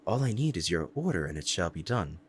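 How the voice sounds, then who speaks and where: Guy acting as a low voiced proud demon servant, formal n courtly, devoted but menacing, swoopy delivery, asmr roleplay, bit of noise behind. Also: big pitch swings, a little fast. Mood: ruthless, eager. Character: powerful, proud, devoted male demon bound to a sorcerer. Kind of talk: ASMR roleplay audio drama.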